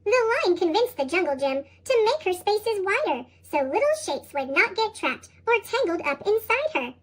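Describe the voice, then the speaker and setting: A storybook reader whose voice runs through a chipmunk effect, squeaky and sky-high. The reading hops up and down in a lively sing-song and bounces through rhyming verse. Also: moderate pace. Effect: sped-up, high chipmunk-style pitch shift. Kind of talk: reading picture books aloud.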